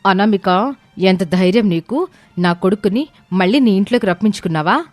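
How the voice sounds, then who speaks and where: A woman voicing a proud, quick-tempered wealthy young mother who scolds and shouts in a storybook. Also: medium pitch, dry recording, soft background music, natural voice. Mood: furious. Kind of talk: storybook character voice.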